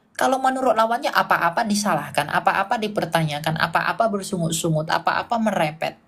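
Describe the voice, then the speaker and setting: A woman speaker answering questions on faith in an emphatic preaching style, repeating phrases and often dropping to a hushed voice. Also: medium pitch, husky. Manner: emphatic, repetitive exhortation that often drops to a hushed tone.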